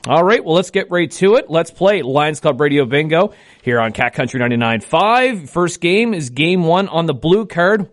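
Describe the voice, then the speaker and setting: A man working as a bingo caller, hosting a live radio game from a studio and announcing in a deliberate, plain-spoken way. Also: a little high. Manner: bingo caller, repeating each number deliberately.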